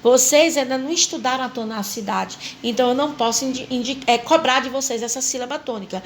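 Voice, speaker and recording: A woman's voice: high voice, slight background noise. A Portuguese-speaking woman teaching an English grammar lesson to a class, patiently spelling out rules step by step and repeating them.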